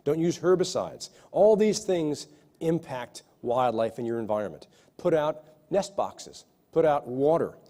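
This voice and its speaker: Answering the audience in a lecture hall after his talk, a male ecologist speaks in a mellow voice that's a little high. He's earnest and tends to restart his sentences.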